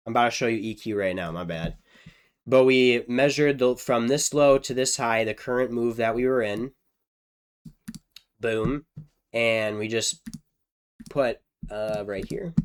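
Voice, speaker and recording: Casual young man with a smooth voice. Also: on the low side. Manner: casual, self-deprecating, thinks aloud with restarts. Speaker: trading video host. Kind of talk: screen-share chart walkthrough.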